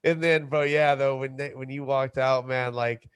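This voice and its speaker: A man's voice: mid-range voice, fairly even intonation, normal speed, clear, resonant tone. A man hosting a podcast, talking in a laid-back, slangy way. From USA. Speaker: podcast host. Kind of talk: casual chat.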